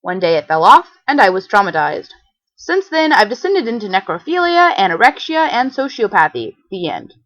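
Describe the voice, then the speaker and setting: A woman voicing a dry, sarcastic female unicorn musician in a wry, deadpan manner while reading fan fiction aloud. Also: medium pitch, normal speed, no room sound, lo-fi sound.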